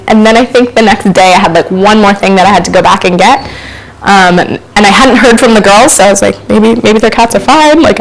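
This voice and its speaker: A woman's voice: medium pitch, rough recording. A young adult woman telling a casual personal anecdote, chatty with frequent ums and laughing asides. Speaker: storyteller.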